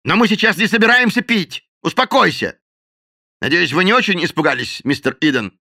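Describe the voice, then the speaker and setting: Guy doing a gruff bossy rancher, snappy and impatient, raised pitch, forceful. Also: lively intonation, normal speed, exaggerated voice. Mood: brusque. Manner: barking, impatient.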